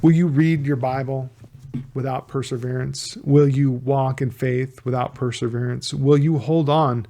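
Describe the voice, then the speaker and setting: A man in an even middle register gives an informal Bible teaching. He speaks earnestly, often repeating key words for emphasis and restarting his phrases as he goes. He is from the United States. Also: mid-range voice, unhurried, gravelly, noisy background.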